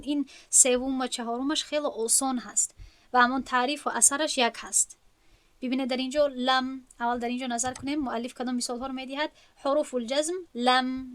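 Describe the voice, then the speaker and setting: High-voiced woman teaching with a Tajik accent. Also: fairly bright tone, dry recording. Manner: patient, explains step by step, repeats terms. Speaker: Arabic grammar teacher. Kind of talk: online lesson.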